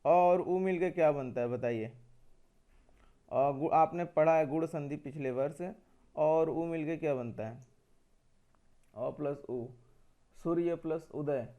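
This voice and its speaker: A man's voice: fairly high pitch, takes it slowly, pauses often, warm tone, muffled recording. A man teaching a grammar lesson, explaining step by step, asking questions and answering them himself, and repeating key points.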